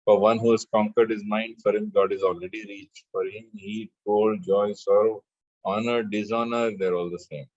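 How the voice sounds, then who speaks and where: A man teaching spiritual lessons in a measured way, chanting scripture verses between his explanations. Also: lowish voice, fairly even intonation, a little mellow, dry recording, dull audio. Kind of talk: spiritual discourse with scripture recitation.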